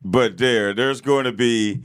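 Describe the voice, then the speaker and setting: A man's voice: mid-range voice, slow pace, a bit bright, smooth, no echo, studio quality. A man co-hosting a casual morning show, easygoing and laughing along. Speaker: co-host.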